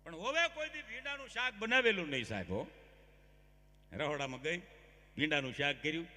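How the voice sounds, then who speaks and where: Lively stage comedian. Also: male voice, a little high, brisk. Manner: lively, addresses audience directly. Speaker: folk comedian. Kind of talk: stage comic storytelling. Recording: long hall reverb.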